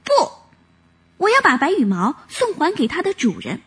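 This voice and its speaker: A woman's voice: sits high, huge pitch swings, moderate pace, fairly bright tone, pitched above the performer's own voice, exaggerated voice. A woman voicing a small, honest little ant who speaks earnestly and insists on doing right. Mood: insistent.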